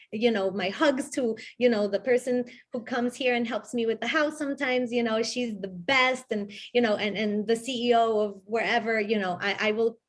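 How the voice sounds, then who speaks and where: A woman from Ecuador, a guest talking reflectively in a casual interview, with many fillers and restarts. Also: fairly high pitch.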